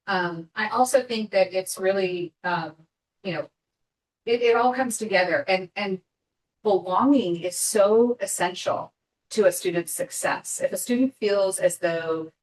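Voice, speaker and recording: A woman's voice: medium pitch, a little slow. Woman administrator in an echoey meeting room. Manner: affirming, organized. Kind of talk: board meeting discussion. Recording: echoey room, distant mic.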